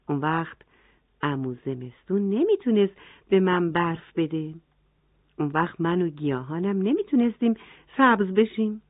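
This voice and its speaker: The green Earth in a children's storybook, voiced by a woman, gentle and earnest in its thanks. The delivery sits slightly low. The sound is tinny like a phone call, and dry. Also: no echo.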